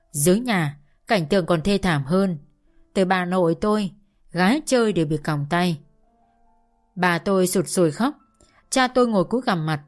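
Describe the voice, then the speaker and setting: A woman reading a dramatic first-person story aloud in a steady narrating voice. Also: fairly low pitch.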